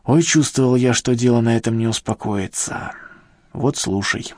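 A man's voice: normal speed, darkish tone, dry recording, clean studio sound, close to an everyday voice. A man voicing a grumbling, rueful elderly male professor in an audiobook, with a complaining, defensive manner. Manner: grumbling, complaining, raised pitch over the reader's own. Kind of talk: audiobook character reading.

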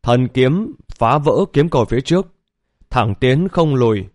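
A man's voice: mid-range voice, a little slow, no room sound, studio quality. Man narrating a fantasy audiobook. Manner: steady, even storytelling read.

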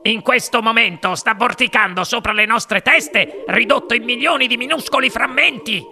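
A man's voice: very high voice, moderate pace, bright, forceful tone, pitched above the performer's own voice, full character voice. A man voicing a blunt, gloomy father in a read-aloud story. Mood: grim. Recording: music playing underneath.

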